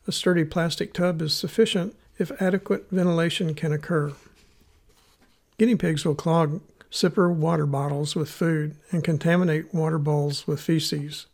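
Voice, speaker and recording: A man with a Missouri accent hosts an educational podcast, reading scripted material in a measured, instructional way. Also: on the high side, a little mellow. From United States, Missouri. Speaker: podcast host.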